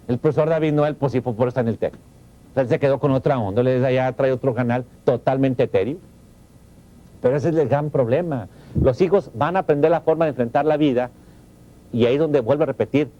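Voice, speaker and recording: Emphatic Mexican man, mellow voice. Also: on the high side. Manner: emphatic and conversational, with rhetorical questions. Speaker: professor giving a talk. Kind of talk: motivational talk on family values. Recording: dull lo-fi recording.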